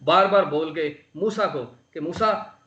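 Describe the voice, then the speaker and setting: A man's voice: high-pitched, animated, moderate pace, a bit bright. A man from Pakistan preaching an earnest, emphatic sermon over an online call. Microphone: online call microphone. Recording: roomy, dull lo-fi online call audio.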